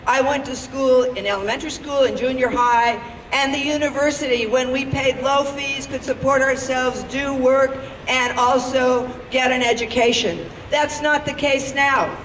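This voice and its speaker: A middle-aged faculty member delivers a rousing, impassioned protest speech at an outdoor campus rally, using a handheld mic fed through a PA speaker. Her voice is high and a bit bright, fairly even in intonation and normal in speed. The distant PA sound is reverberant, with outdoor noise.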